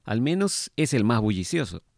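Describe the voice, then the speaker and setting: A vain, jovial painter spirit, as a man reads him aloud, breezy and teasing in his replies. His voice sits at an ordinary middle pitch but rides a little higher here, and the recording is close and dry with no room sound. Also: big pitch swings, moderate pace, creaky, a little mellow, no room sound. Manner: teasing and breezy, with a playful lift. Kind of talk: read-aloud book dialogue.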